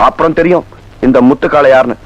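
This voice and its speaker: A man's voice: on the high side, fast talker, dry recording, highs cut off, close to an everyday voice. An actor playing a cocky young village man talking back to his father. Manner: cocky, boastful retorts. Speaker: son in a film scene. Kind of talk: Tamil film comedy acting.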